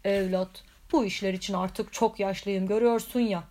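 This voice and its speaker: A woman voicing a kindly old male giant who teases gently in a storybook. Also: mid-range voice, steady tone, normal speed, lightly acted. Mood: teasing. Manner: gentle, teasing.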